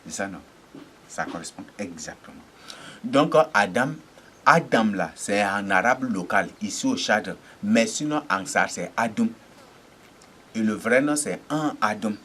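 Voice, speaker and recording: Male preacher, slow deliberate delivery, low voice, repeats words, faint background hiss. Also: lively intonation, bright, forceful tone. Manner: halting, repeats words, asks rhetorical checks. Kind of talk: teaching sermon on names.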